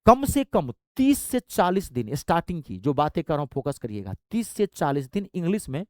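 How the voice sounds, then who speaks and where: A man gives a motivational exam-prep lesson, emphatic and exhorting as he talks straight to weak students. His pitch swings widely between high bursts and low asides. The sound is dry and close, with no room around it. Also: sing-song, fairly quick, a little mellow, no room sound. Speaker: exam coaching teacher.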